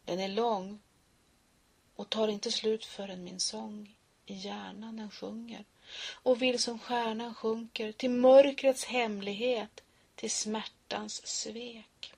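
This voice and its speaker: A woman reading poems and a short story aloud in a soft, husky voice that often drops to a whisper. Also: on the high side, fairly even intonation.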